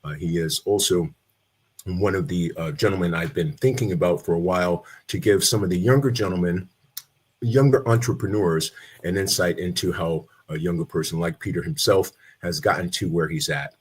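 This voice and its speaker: A man's voice: sits low, normal speed, slightly rough. A man hosting a podcast interview, greeting his guest and the audience with enthusiastic welcomes. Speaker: podcast host.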